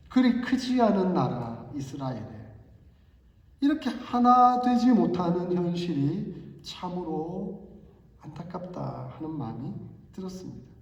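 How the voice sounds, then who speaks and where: High-voiced pastor preaching in an echoey hall. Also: male voice, far from the mic, dull audio. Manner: storytelling, playful with dialect examples, talks to congregation. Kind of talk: sermon. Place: church sanctuary. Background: long hall reverb.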